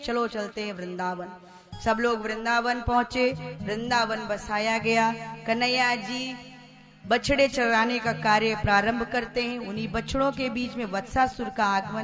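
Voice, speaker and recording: A woman preacher telling a devotional scripture story in an emphatic, dramatic style to a gathering. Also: high voice. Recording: loud devotional music behind the voice.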